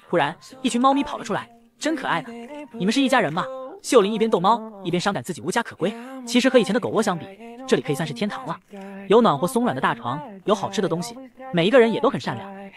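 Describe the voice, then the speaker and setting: A man narrating a comic recap at speed, reading every character's lines himself. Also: high voice. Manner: rapid, lively, voices both lovers in dialogue. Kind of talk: fast scripted story narration with acted dialogue.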